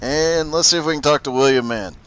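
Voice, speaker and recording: A man's voice: a little high, brisk, fairly bright tone, a little hiss or hum. A man calling a live sim racing event play-by-play, upbeat and laughing often as he goes. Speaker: race commentator.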